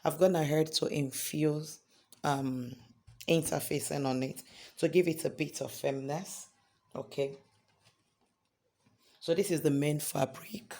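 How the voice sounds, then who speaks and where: A hoarse man teaching a sewing tutorial step by step, often checking in with "okay?". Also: fairly high pitch, steady tone, measured pace, pauses often, darkish tone. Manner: repeats points, ends lines with "okay?". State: hoarse from singing. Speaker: sewing instructor.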